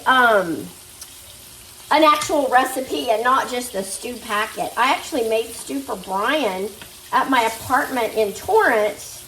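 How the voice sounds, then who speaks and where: A cooking vlogger with a high, slightly bright voice chats casually to viewers, calling them "guys," while working at the stove in her home kitchen. She's recovering from a fever, which leaves her a little nasal. Meat sizzles in a skillet, the kitchen echoes, the mic sits a bit far off, and there's a little hiss or hum.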